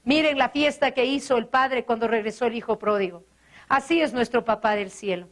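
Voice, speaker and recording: A woman pastor preaching a sermon, earnest, asking rhetorical questions and quoting scripture, slowing and softening on tender lines. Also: on the high side.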